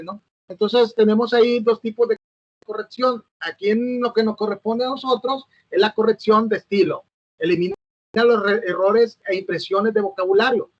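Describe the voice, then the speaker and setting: Man, high voice, recorded lecture, hesitant with fillers, dull lo-fi dry recording. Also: no room sound. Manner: hesitant, fillers and self-corrections, asks "¿no?". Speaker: teacher.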